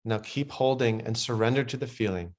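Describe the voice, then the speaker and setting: In a medium-pitched voice, a man delivers a slow, soothing breathwork meditation. As the relaxation parts come, his instructions grow quieter and softer.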